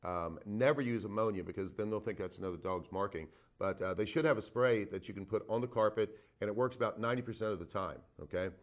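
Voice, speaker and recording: On a call-in radio program, a veterinarian host offers callers casual advice in a folksy way, repeating points and leaning on fillers like "uh" and frequent "okay?". He has a fairly low voice and talks fast, hardly pausing.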